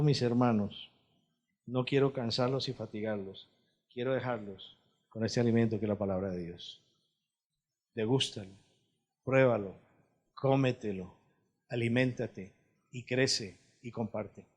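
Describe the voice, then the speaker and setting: A man preaching a sermon as pastor, moving from quiet, low passages to loud, high appeals and asking his listeners questions. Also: measured pace, pauses often.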